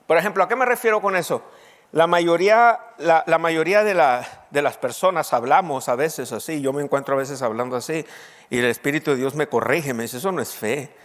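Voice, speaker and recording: A man's voice: fairly high pitch, brisk, long reverb tail. A man preaching a sermon as pastor, speaking to the congregation and reading scripture aloud with emphatic repetition. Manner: lively preaching with quoted scripture and asides to the congregation.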